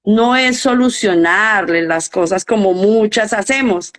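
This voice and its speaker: A woman's voice: mid-range voice, unhurried. Earnest middle-aged woman explaining parenting. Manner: earnest, explanatory, asks rhetorical questions. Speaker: guest coach and educator. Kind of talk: live interview talk.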